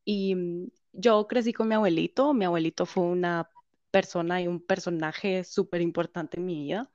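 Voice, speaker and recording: A woman, telling a personal story as a guest, animated, quoting others and laughing often. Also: lowish voice, normal speed, no room sound. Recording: slightly dull, dry.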